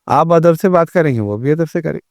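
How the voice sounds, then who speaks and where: A religious scholar appears as a guest in a studio discussion, patiently explaining good manners through everyday examples as advice. His voice is fairly high with lively intonation, and the clean studio sound has no echo.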